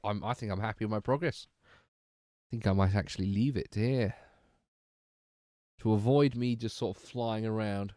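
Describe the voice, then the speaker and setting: A man's voice: lowish voice, normal speed, pauses often, a little mellow, no room sound, studio quality. A sleepy young man chatting casually on a livestream, rambling and trailing off as he talks. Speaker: streamer.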